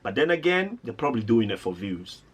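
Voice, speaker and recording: A man's voice: mid-range voice, very animated, brisk, breathy edge. Indignant man reacting to a clip. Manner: indignant, rambling with fillers and restarts. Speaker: reaction video host. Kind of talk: reaction commentary.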